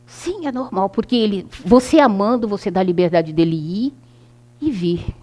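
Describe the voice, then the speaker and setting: Older Brazilian woman with lively pitch. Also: normal speed. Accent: Brazilian Portuguese. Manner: anecdotal, acts out quoted dialogue. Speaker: lecturer at a spiritist center. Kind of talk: informal talk to a group.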